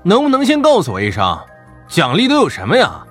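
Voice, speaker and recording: A man voicing an eager, curious young man who asks questions brightly. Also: high voice, huge pitch swings, fairly quick, husky, faint music behind, voice pushed up, full character voice. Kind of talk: audiobook character voice.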